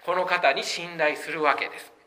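A male pastor delivers a sermon with a bright, forceful voice pitched a little high. He presses his points emphatically and poses rhetorical questions to the congregation. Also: steady tone, normal speed.

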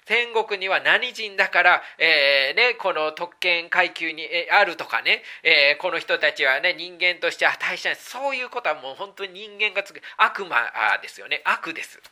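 A pastor preaching a sermon, reading scripture slowly and then explaining it earnestly, with drawn-out fillers and rhetorical questions to the congregation. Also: mid-range voice, lively intonation, pushed and bright. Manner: reads scripture aloud slowly and deliberately.

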